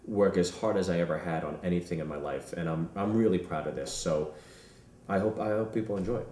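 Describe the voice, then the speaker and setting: A man's voice: low voice, fast talker, warm tone, slight background noise. A man, a comedian, talking earnestly as the guest in a casual interview, with a habit of repeating words when he gets keen. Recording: roomy sound from a distant mic.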